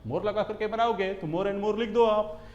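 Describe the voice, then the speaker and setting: High-voiced male teacher drilling phrases. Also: fairly even intonation, a little mellow, lo-fi sound. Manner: repeats phrases, asks rhetorical questions, drills slowly. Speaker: English grammar teacher. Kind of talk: coaching class lecture. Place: coaching classroom. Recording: echoey classroom.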